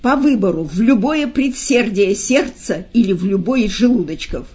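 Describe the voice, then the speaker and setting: A woman's voice: mid-range voice, animated, moderate pace, mellow, breathy edge. A woman voicing a fussy, talkative, sly man from a devil's retinue who exclaims a lot. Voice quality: effusive, exclaiming. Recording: slightly dull lo-fi sound.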